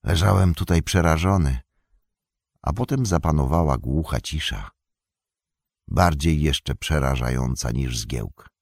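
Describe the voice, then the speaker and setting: A man's voice: very deep voice, unhurried, no room sound, studio quality, full character voice. A man voicing a weary young male hobbit who turns despairing and grasping, in a raised, strained voice. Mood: shaken.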